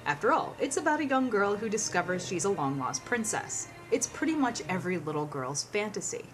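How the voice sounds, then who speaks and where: Woman presenter, scripted narration, wry asides, medium pitch, lively melody in the voice. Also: a little fast, over music. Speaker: presenter of a film countdown.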